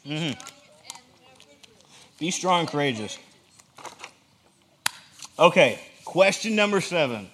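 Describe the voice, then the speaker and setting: A man preaching a casual, lively sermon in a church, joking with the congregation. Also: a little high, slow pace, pauses often, slight background noise. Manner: animated, joking asides to the audience.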